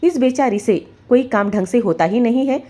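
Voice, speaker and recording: Woman doing a scornful mother-in-law, haughty, condescending, high-pitched. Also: moderate pace, mellow, lightly acted.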